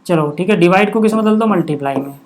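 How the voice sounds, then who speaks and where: Explaining maths on a board, this teacher keeps a relaxed classroom manner and repeatedly checks understanding with quick asides. His voice is high and he talks fast.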